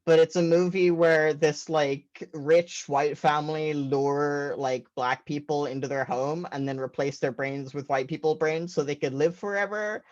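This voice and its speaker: A man's voice: a little high, fairly even intonation, a little slow, few pauses, a little mellow, muffled recording. A man doing stand-up, rambling through a story with lots of fillers and laughing at his own jokes. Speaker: stand-up comedian.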